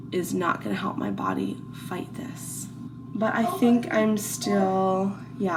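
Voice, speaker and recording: Cooking for her family at home, a vlogger mom in her thirties rambles through a casual kitchen chat, full of "like"s and restarts, her medium-pitched voice slightly congested from a cold. A camera tucked in a kitchen cupboard captures her indoors, with clear room noise in the background.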